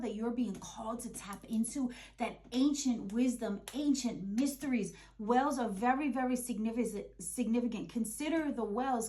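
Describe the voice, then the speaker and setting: A woman's voice: a little high, dark tone. A woman giving a casual spiritual tarot reading, emotional and openly swearing, calling her listeners babe and boo. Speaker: tarot reader.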